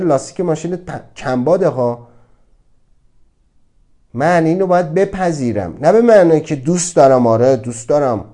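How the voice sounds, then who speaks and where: Mellow and somewhat high in pitch, a man's voice carries a reflective, earnest motivational talk about accepting oneself, full of rhetorical questions.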